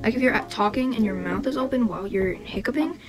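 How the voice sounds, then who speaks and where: Young woman, high voice, bubbly casual vlog chat, hiccuping, music playing behind. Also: quick pace, poor audio. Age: young adult. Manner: chatty and bubbly, with frequent giggles and filler words. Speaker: vlogger. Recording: background music under the voice.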